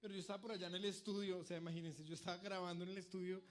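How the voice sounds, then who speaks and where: A young man preaching a sermon to a congregation, telling stories in a lively way and acting out the shouts and pleas he describes. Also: high-pitched, very fast.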